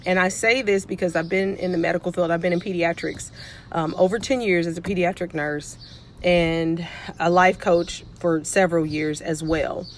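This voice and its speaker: Speaking at normal speed with fairly even intonation, this middle-aged woman has a lowish voice, and the recording carries a little hiss or hum. A pediatric nurse and life coach, she chats casually to camera while telling a story and performing the quoted dialogue.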